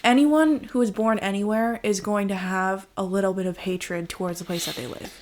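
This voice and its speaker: A woman's voice: medium pitch, steady tone. A young woman from Los Angeles, telling stories in a casual chat with many "like" fillers. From Los Angeles, USA. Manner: chatty storyteller, quick valley-style "like" fillers.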